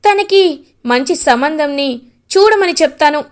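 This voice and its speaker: A woman doing a calm, sincere young man. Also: high voice, unhurried. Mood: earnest. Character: reformed young man, Darshan.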